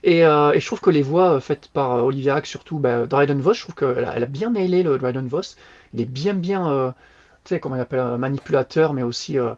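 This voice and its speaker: A man co-hosting a podcast, chatting casually as he reviews a novel in an animated, slangy, loose way. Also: mid-range voice, quick pace, highs cut off. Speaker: podcast co-host. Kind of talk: casual book review chat.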